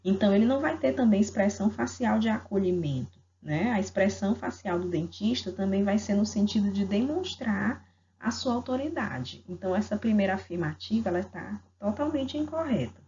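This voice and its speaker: A woman's voice: medium pitch, lively intonation, a little fast, dark tone. A woman with a Brazilian Portuguese accent explaining an exam question on pediatric dentistry as a lecturer, often adding tag questions. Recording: dull lo-fi audio, faint background noise.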